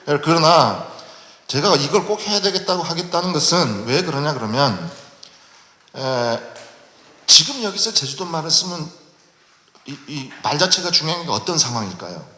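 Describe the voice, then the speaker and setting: A middle-aged man from Jeju moderating a public forum in a formal, halting manner, with many pauses. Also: medium pitch, sing-song, pushed and bright. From Jeju, South Korea. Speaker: panel moderator. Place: large lecture hall at a public forum. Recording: echoey hall recording with faint noise.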